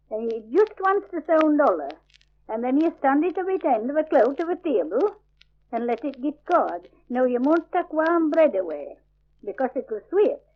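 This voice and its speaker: High-voiced older woman, old broad Yorkshire dialect. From Yorkshire, England. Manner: old-fashioned broad rural dialect, homely instructional. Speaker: home baker, dialect speaker. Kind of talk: spoken recipe explanation, informal step-by-step. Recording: dull lo-fi 1950s archive recording.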